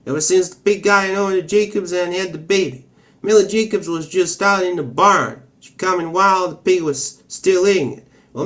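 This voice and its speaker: A man's voice: high-pitched, fairly bright tone. A man voicing a plainspoken rural farm man from a novel, in a folksy, practiced Oklahoma accent.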